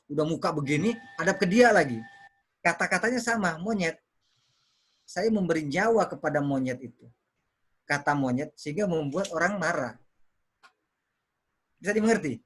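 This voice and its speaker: Male speaking coach, slightly high voice, patient teacher on a video call. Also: fairly bright tone, breathy edge. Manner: explains with examples, repeats words to show intonation. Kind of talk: online workshop teaching.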